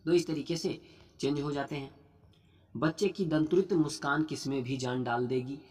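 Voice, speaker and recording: A man's voice: a little high, steady tone, moderate pace, a little mellow. A young man teaching an online exam-prep lesson. He reads out multiple-choice questions, then answers and explains them, and keeps addressing his students as friends. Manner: addresses students as "saathiyon" over and over.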